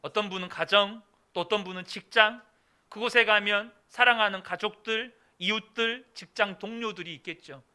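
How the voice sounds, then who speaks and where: A male pastor in middle age delivers a sermon, first reading a story aloud and then speaking to his congregation. His voice sits high and sounds very bright and forceful. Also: steady tone, moderate pace, clear, resonant tone. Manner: reads a missionary's story aloud, then preaches.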